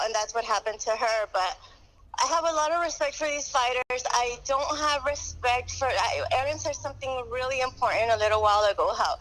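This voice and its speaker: A woman's voice: fairly high pitch, a bit bright, low-quality recording. A woman calling in on speakerphone, an outspoken publicist chatting casually and asking blunt questions. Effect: heard over a phone on speakerphone. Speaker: boxing publicist and marketing manager calling in. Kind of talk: casual call-in chat. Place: at an airport before a flight.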